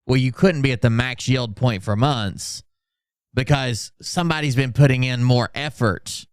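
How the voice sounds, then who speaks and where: In a clean studio recording that's dry and clear-toned, a man speaks at normal speed in a mid-range voice. He's a livestream host mocking social media posts through casual, sweary, sarcastic chat, reading them aloud mock-dramatically.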